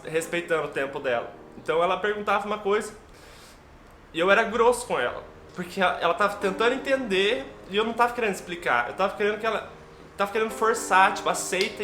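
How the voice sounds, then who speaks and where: Fast-talking Brazilian man, emotional story. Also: sits high, pushed and bright. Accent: Brazilian Portuguese. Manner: emotional, heartfelt. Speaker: vlogger. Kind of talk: personal storytelling to camera. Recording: echoey room with background music.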